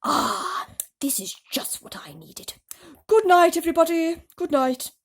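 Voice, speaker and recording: A woman's voice: very high-pitched, big pitch swings, measured pace, voice pushed up, heavily acted. A woman voicing an old male grasshopper, gracious and contented, in a children's storybook. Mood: grateful, contented. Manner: gracious, old-fashioned politeness.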